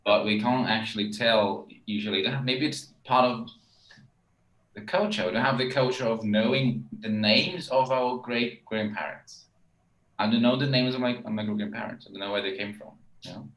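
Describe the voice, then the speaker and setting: Brazilian guy, lowish voice, chatty and hedgy, roomy echo on it. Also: fairly even intonation, moderate pace, fairly bright tone. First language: Portuguese. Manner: thoughtful, hedging with frequent "like" and "you know". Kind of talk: casual group discussion. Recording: echoey room.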